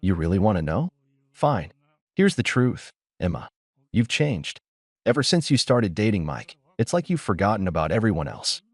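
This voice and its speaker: A man's voice: fairly low pitch, big pitch swings, normal speed, no room sound, clean studio sound. A man voicing a spiteful young woman, a former best friend, who talks with mocking sarcasm. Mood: sarcastic, mocking.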